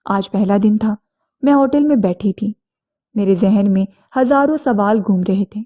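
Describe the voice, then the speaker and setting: Mellow-voiced woman telling a story. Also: medium pitch. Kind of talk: scripted first-person narration.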